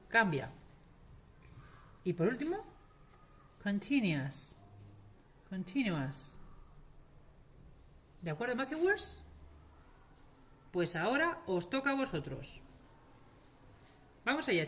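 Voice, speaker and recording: A woman teaching pronunciation, speaking slowly and stretching out each example word so learners can repeat it. Her pitch swings widely, rising and falling through every sentence. She delivers the lesson straight to camera. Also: fairly bright tone, a little hiss or hum. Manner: slow, drawn-out model pronunciations, repeating words for learners. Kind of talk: classroom-style lesson to camera.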